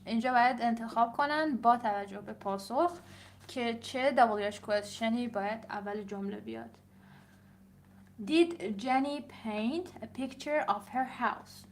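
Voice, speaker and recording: Persian-accented woman, teacher grading papers, slightly high voice, faint background hiss. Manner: switches between slow read-aloud and quick explaining. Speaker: English teacher.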